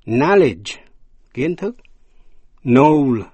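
A husky-voiced man, a native Vietnamese speaker, teaching a scripted radio English lesson. He speaks very slowly and spells out each word letter by letter. The recording is dry and close. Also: mid-range voice, very animated, dark tone, no room sound. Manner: slow, spells words out letter by letter.

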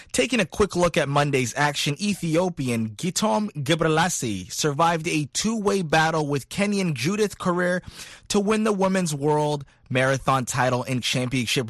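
A man presenting a radio sports news show, reading the results in a clear, measured newsreader manner. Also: on the high side, fairly bright tone, no room sound, clean studio sound.

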